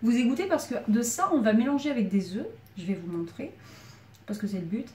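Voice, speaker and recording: Her voice fairly high, lively and a little quick, a woman cooks casually in her small back kitchen, talking to viewers as she goes with a slight frog in her throat. Clattering pans and utensils add loud background noise, captured by a far-off mic in an echoey room.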